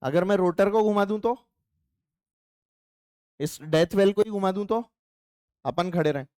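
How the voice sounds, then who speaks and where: High-pitched, playful male teacher. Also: measured pace, mellow, clean tone, no echo, clean studio sound. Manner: playful, chatty, teasing students. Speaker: physics teacher. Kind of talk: classroom lecture. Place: classroom.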